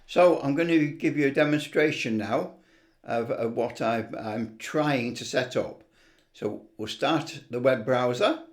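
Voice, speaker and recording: In a mid-range voice and at a slightly slow pace, a middle-aged or older man presents a hobby video. He talks casually and enthusiastically, rambling without a script as vloggers do.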